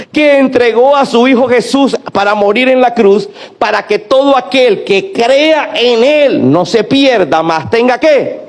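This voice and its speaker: A middle-aged man preaches, his voice sitting noticeably high for a man. He keeps asking the congregation questions and has them repeat key words back to him. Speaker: pastor. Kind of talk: sermon.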